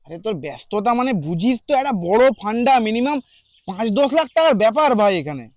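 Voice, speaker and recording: A man's voice: very high-pitched, big pitch swings, fast, a little mellow, dry recording, studio quality. A man playing a desperate, bitter young man. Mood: urgent. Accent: Bengali. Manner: urgent, pleading on the phone, then bitter and confrontational. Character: desperate young man cheated out of job money. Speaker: actor in a short film. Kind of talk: naturalistic short film acting.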